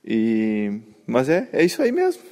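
A man's voice: mid-range voice, huge pitch swings, measured pace, darkish tone. Young rural guy stumbling over his words, echoey hall. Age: young adult. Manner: hesitant, repeating words. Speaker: young rural leader, agricultural technician. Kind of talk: casual interview answers.

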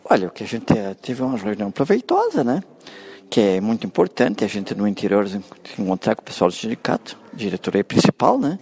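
A man's voice: fairly low pitch, wildly swooping pitch, brisk, gravelly, darkish tone, husky. A man answering interview questions about a union meeting, rambling and often adding "né?". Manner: rambling, frequent "né?".

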